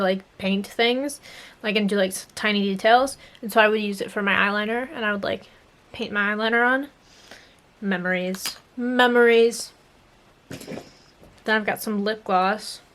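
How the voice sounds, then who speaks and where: A medium-pitched young adult woman vlogger rambles casually to her viewers, wondering aloud and trailing off. A mouth swollen from dental work makes her speech slightly impaired.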